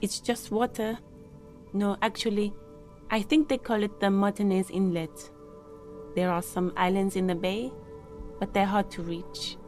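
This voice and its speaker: A woman's voice: mid-range voice, little pitch movement, unhurried, pauses often, darkish tone, soft background music, lightly acted. An actress playing a composed, guarded woman gardener in a video game, speaking in a matter-of-fact way.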